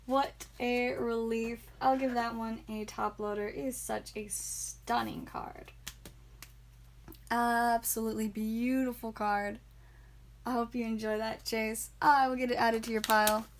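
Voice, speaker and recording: A woman's voice: a little high, flat delivery, measured pace. A woman hosting a live card-opening stream, chatting and giggling with viewers, tired and a bit loopy. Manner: chatty, giggly, talks to chat viewers by name. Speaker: livestream card seller and host.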